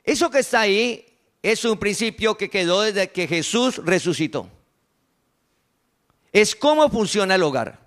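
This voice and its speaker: A woman with a Santander Colombian accent delivers a sermon in an emphatic way. She keeps asking her listeners rhetorical questions. When she quotes other people, she drops into a lower, acted-out tone. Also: lively intonation, measured pace, long pauses. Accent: Santander Colombian Spanish. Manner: acts out quoted voices in a lowered tone. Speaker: preacher.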